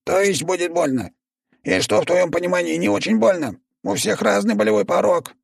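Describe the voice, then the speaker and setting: A man's voice: high voice, fairly quick, gravelly, slightly rough, no echo, clean studio sound, voice pushed up, exaggerated voice. A man voicing a melodramatic, whiny male chihuahua werewolf who squeals in protest in an audiobook. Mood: panicky. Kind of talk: audiobook character voice.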